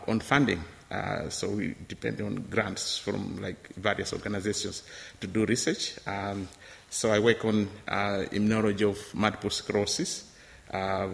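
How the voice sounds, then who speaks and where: A man from Malawi in his thirties tells his life story to a church gathering, stopping often with ums and restarts. His voice is low and gravelly. The sound carries a long hall reverb. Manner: hesitant, many fillers and restarts. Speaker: church guest giving testimony. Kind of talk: testimony interview.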